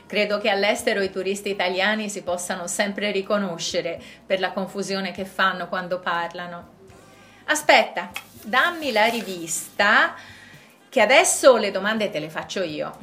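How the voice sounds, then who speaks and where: A woman takes part in a scripted dialogue for language learners. She speaks clearly and at a measured pace, in a mid-pitched voice. Soft music plays faintly behind her. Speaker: dialogue partner in a language lesson.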